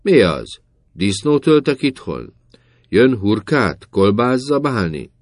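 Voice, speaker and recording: Man reading as bullying sergeant, booming, gruff, loud, storybook. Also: very animated, no echo, studio quality. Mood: scornful. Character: tall, domineering, mocking male sergeant.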